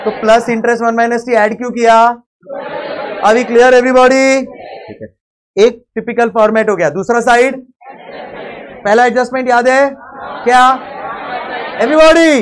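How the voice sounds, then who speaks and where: A man with an Indian accent teaching accounting to a live class, loud and emphatic, constantly asking the students check questions and mixing English phrases into his talk. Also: extremely high pitch, steady tone, normal speed, long pauses, a faint crowd, slight background noise. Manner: mixes English phrases into Hindi; loud and emphatic, sometimes calling out. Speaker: accounting lecturer. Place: lecture hall with a live class.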